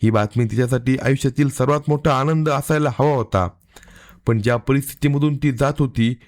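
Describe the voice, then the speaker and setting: A man narrating a scripted crime story in an even, dramatic storytelling manner. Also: medium pitch, fairly quick.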